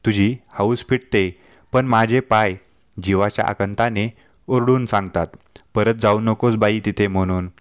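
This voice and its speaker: A man's voice: fairly low pitch, steady tone, measured pace, clean tone, no echo, clean studio sound, natural voice. A man voicing an affectionate, teasing young wife in a told story, playful and pleading by turns. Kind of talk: storytelling dialogue.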